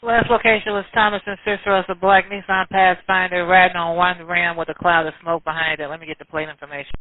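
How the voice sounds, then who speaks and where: High-pitched male dispatcher over police radio. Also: little pitch movement, quick pace, no echo. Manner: relays vehicle details steadily with small hesitations. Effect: police radio transmission. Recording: tinny dry radio channel.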